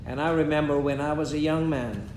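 A man, preaching in short measured phrases and pausing after each one for an interpreter. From Guyana. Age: 70s. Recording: echoey room with a faint rumble.

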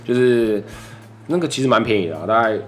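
A man's voice: mid-range voice, animated, quick pace. A young man with a Taiwanese Mandarin accent chatting casually as a podcast guest, playful and talkative, often repeating himself. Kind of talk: casual chat.

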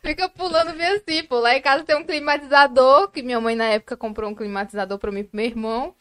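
A woman with a high voice talks informally as an interviewer. Her style is that of a casual chat. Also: fast talker, fairly bright tone, clear, resonant tone.

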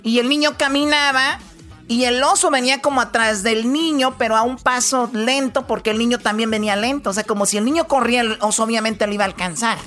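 A woman co-hosting a radio show, with a fairly high voice. She recounts what she saw in a clear, engaged, conversational way, with faint music behind her. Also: fairly quick, fairly bright tone. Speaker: radio co-host. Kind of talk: casual radio chat.

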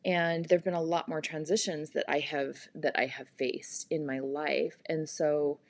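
A woman in her forties hosting a podcast, talking through personal changes in a gentle, thoughtful way with many pauses and fillers. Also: low-pitched, fairly even intonation. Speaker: podcast host. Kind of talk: reflective personal monologue.

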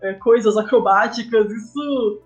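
Appearing as a podcast guest, a comic artist and game writer with a Brazilian accent speaks casually at a measured pace, frequently seeking agreement through tag questions. Her voice is fairly high, the recording muffled, with faint music behind.

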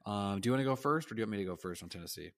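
A man with a low voice co-hosts a relaxed sports podcast. He reads off records and results in a dry, matter-of-fact way, dropping in deadpan jokes. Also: very fast. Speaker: co-host. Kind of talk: casual sports chat.

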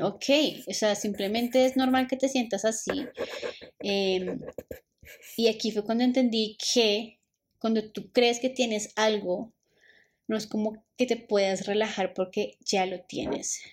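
A woman's voice: mid-range voice, fairly even intonation, slow pace, darkish tone. A young woman talking casually and emotionally to the camera in a personal vlog, often repeating herself and quoting her own past thoughts. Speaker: vlogger.

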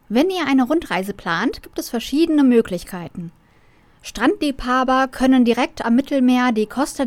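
Young female radio presenter, higher voice, dry studio sound. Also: darkish tone, no echo. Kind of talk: radio moderation. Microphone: studio microphone.

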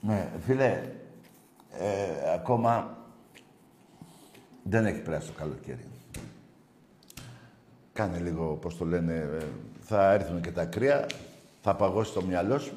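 A man hosting a rowdy football call-in show, swearing at callers and shouting in bursts. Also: low voice, animated, long pauses, roomy sound.

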